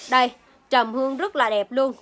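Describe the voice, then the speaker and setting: A woman's voice: high-pitched, fairly even intonation, moderate pace, fairly bright tone. A young woman selling on a phone livestream in an indoor shop, chatting casually to viewers and repeating her phrases. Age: young adult. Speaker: livestream seller. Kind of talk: casual live sales chat. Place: indoor beauty shop room. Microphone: phone at arm's length.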